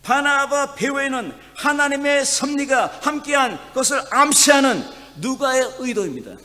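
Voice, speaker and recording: A pastor from Chungcheong gives a sermon in a high, lively voice that leaps up and down. He drops to near-murmurs and then rises to forceful, emphatic passages. Long reverb from the church hall trails behind every phrase. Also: a little slow. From Chungcheong, South Korea. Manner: swings from soft asides to loud emphatic preaching. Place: church sanctuary.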